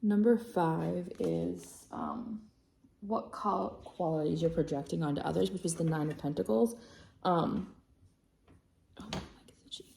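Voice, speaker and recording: A woman with a low, gravelly voice gives a casual tarot reading to camera. Her tone is mellow and dark. She rambles, corrects herself and stops to apologize as she checks her notes. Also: very animated, a little slow, roomy sound, a little hiss or hum. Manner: chatty, rambling, self-correcting; reads from notes, apologizes often. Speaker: tarot reader.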